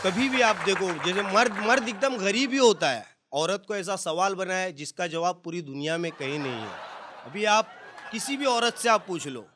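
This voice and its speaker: A man's voice: high voice, animated, moderate pace, background noise. A male stand-up comedian, telling jokes and acting out the voices of the people in them.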